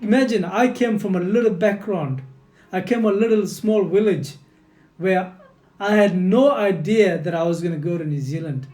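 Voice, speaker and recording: Speaking straight to his audience, a non-native English-speaking man gives a sincere, repetitive teaching talk on leadership as a motivational coach. He has a high-pitched voice at a moderate pace, and the room echoes while gentle guitar plays underneath.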